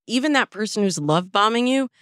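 An American woman appears as a podcast guest and dating coach, giving expert advice in a conversational, explanatory and emphatic style. Her medium-pitched voice is animated, brisk and a bit bright, recorded as clean studio sound with no room echo.

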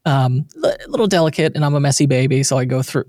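A man's voice: medium pitch, fast talker, darkish tone, no room sound, studio quality. A man hosting a podcast interview in a casual, chatty, self-deprecating way. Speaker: podcast host.

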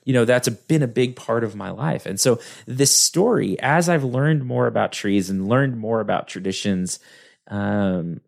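A man with a West Texas drawl giving an informal talk in a halting, conversational way. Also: mid-range voice, creaky, a little mellow. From West Texas, United States. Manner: halting, conversational, self-deprecating asides. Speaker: lecturer.

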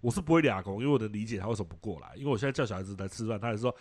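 A middle-aged man with a Taiwanese Mandarin accent, hosting a casual chat show, telling stories in a blunt, profane and animated way. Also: on the low side, racing, no echo. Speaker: podcast host.

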